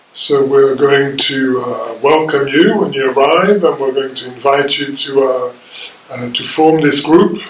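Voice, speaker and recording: Middle-aged French man, facilitator, hesitant with fillers, slightly high voice, distant roomy mic. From France. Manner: hesitant, many ums and restarts. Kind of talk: recorded video message. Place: sitting room with plant and map, indoors. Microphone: far camera. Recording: roomy audio from a distant camera.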